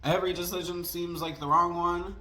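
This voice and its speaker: A man's voice: high-pitched, flat delivery, brisk, sharp tone. A man chatting casually to camera as a food vlogger, candidly venting in a rambling, storytime way. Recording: echoey room, faint background noise.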